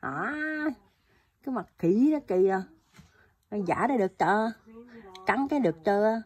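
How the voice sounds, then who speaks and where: A woman's voice: mid-range voice, expressive, moderate pace, a little mellow. A woman in a home vlog talking to her baby son in teasing, playful baby talk, repeating her words. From Vietnam.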